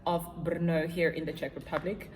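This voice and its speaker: Low-voiced woman from South Africa. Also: flat delivery, a little mellow, a little hiss or hum. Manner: thoughtful, measured, with fillers. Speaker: ballet dancer and competition juror. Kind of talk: interview answers. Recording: long hall reverb with faint music. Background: faint music.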